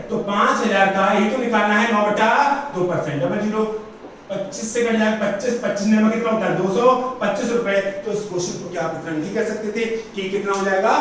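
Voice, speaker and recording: A man's voice: sits high, fairly bright tone. A man teaching a maths lesson, repeating each question back to his students as he works through the sums. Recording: roomy echo, far from the mic, faint hiss.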